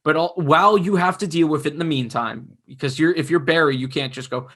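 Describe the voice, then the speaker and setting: A young man co-hosting a casual sports podcast, chatty and analytical, his voice going hoarse. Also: fairly high pitch, a little fast, fairly bright tone. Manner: chatty, analytical, self-mocking. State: losing his voice. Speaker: podcast co-host.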